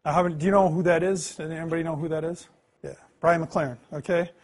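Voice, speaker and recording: Man in his 30s, classroom lecturer; high, husky voice, earnest, quizzes the room. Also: steady tone, fast. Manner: earnest, asks the class questions, swings between loud emphasis and quiet asides. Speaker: Bible class teacher. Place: classroom, indoors.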